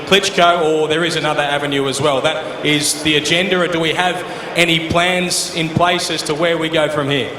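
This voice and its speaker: A male ringside interviewer with a slightly high voice conducts a live sports interview. His voice carries through a noisy, echoey arena. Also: steady tone, moderate pace. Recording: noisy, reverberant arena microphone.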